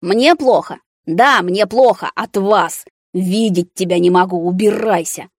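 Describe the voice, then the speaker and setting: A woman voicing a bitter, angry young man confined to a hospital ward, speaking sharply and at times shouting. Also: mid-range voice, a little slow, no echo, clean studio sound.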